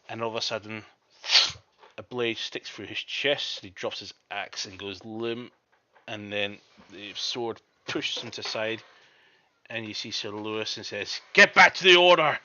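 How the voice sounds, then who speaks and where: Bright-voiced man running a tabletop game. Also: fairly low pitch. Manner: descriptive, with shouted quotes of villains. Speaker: dungeon master. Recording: dull lo-fi mic with faint noise.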